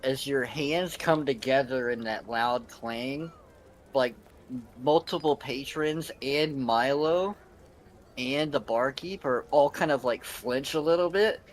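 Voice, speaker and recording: A man's voice: medium pitch, slow pace, slight background noise, poor audio. A man narrating a tabletop game as game master, rambling with many fillers. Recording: clear background ambience.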